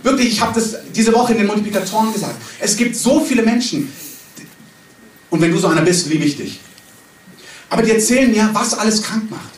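A man's voice: high voice, fairly quick, pauses often. Man preaching in an echoey hall. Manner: emphatic, conversational preaching. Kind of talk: charismatic sermon. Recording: echoey hall, distant mic, faint room noise.

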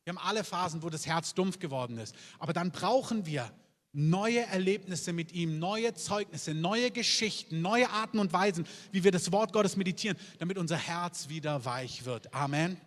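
Man, pastor, impassioned sermon, fairly high voice, echoing hall. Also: moderate pace, fairly bright tone. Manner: fervent, emphatic preaching with repeated amens.

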